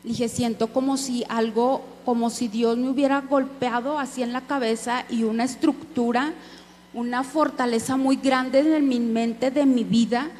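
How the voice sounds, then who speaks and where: A woman's voice: a little high, fairly even intonation, moderate pace, darkish tone. A woman preacher giving an earnest sermon testimony, speaking directly to her listeners as brothers. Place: church hall. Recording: echoey hall with faint hum.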